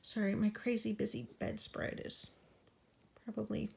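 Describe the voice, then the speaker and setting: A woman's voice: medium pitch, level tone, moderate pace, creaky, darkish tone. Breathless woman speaking frankly. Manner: frank and indignant. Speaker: vlogger. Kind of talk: casual update vlog. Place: at home in bed.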